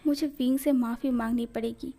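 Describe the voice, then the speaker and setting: A woman's voice: fairly high pitch, fairly even intonation, a little fast, mellow, lightly acted. A woman reading an earnest young husband, pleading. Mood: remorseful. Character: young man, remorseful then desperate husband. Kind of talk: fan fiction read aloud.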